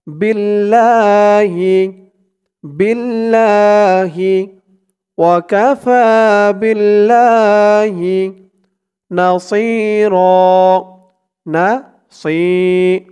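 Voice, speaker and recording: A man teaching Quran recitation, chanting verses slowly and drawn out, then explaining letters and vowel marks in quick asides and asking listeners to repeat after him. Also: a little high, darkish tone. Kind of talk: recitation lesson with call-and-repeat.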